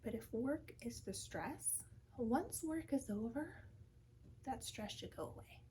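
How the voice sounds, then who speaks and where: Woman, calm therapist manner, ASMR role-play, unhurried, soft breathy mellow tone, gently coaching. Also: a little high, a little hiss or hum. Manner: reassuring, gently coaching with short repeated phrases.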